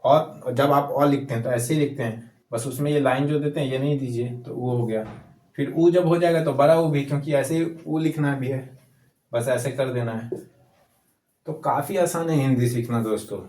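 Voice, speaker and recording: A man's voice: medium pitch, moderate pace, a little mellow. Male Hindi tutor, patient and repetitive, walking students through each letter step by step, roomy echoey sound. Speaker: Hindi teacher. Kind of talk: casual handwriting lesson. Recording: echoey room.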